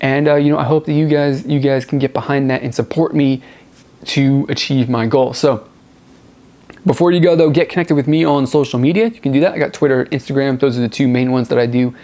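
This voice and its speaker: Talking fairly quickly in a steady, mid-range voice that is a little mellow, a man runs his music review vlog. He's casual and enthusiastic, rambles informally, and repeats words often to stress them.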